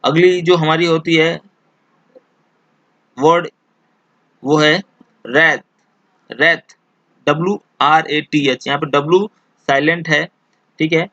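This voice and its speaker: A man teaching an exam-prep lesson, explaining slowly and repeating each point with many fillers. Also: a little high, fairly even intonation, sharp tone, no room sound, muffled recording.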